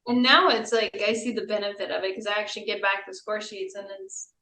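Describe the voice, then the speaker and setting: A woman's voice: mid-range voice, a little fast, bright, forceful tone, distant mic, slight background noise. Woman just chatting, roomy echo, sounds a bit away from the mic. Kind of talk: casual chat.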